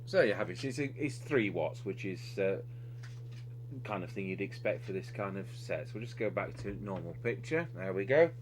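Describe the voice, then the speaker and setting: Low and expressive, this man's voice moves at a normal speed. He's at an indoor radio repair workbench, somewhat haltingly talking through an unscripted, step-by-step hands-on fix, and the audio carries clear noise and electrical hum.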